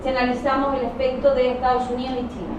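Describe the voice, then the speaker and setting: A woman's voice: high-pitched, little pitch movement, fast talker. A woman lecturer teaching a class in a didactic way, often checking that students follow with short tag questions. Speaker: economics lecturer. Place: classroom, recorded from a distance. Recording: echoey room, distant mic, noisy background.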